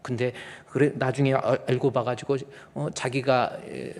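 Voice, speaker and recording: Gravelly male pastor preaching in a hall. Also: mid-range voice, fairly even intonation, moderate pace. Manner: emphatic preaching, acts out quoted lines with sudden loud outbursts. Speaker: senior pastor. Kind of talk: sermon. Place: church sanctuary. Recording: long church hall reverb.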